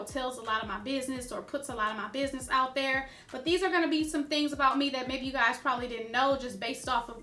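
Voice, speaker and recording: A woman's voice: sits high, bright, forceful tone, reverberant. A middle-aged American woman vlogging, chatting casually to the camera with lots of "you know" and "like". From United States.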